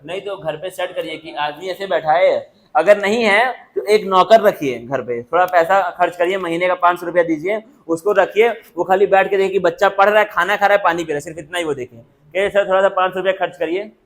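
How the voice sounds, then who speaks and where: A man's voice: high-pitched, a little fast, few pauses, a little hiss or hum. A man teaching a coaching class, scolding his students in a stern, repetitive lecturing manner. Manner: stern, lecturing, repeats himself.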